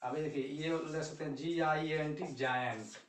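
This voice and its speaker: A man's voice: on the high side, steady tone, normal speed, roomy sound, recorded from a distance. A man with a Bihari Hindi accent, teaching English pronunciation in Hindi. He spells words letter by letter and checks that the viewer is following. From India.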